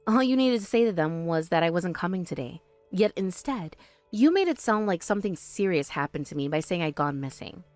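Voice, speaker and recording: A woman voicing a calm, sharp-tongued young woman in an animated story, speaking firmly and with dry exasperation. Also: on the low side, a little fast, dry recording, soft background music.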